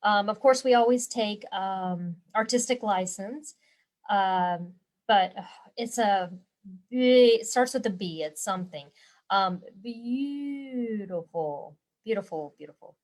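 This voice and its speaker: A woman's voice: mid-range voice, unhurried, a little mellow. A woman hosting a live quilting and embroidery lesson from her home, chatty and rambling, with many fillers and restarts.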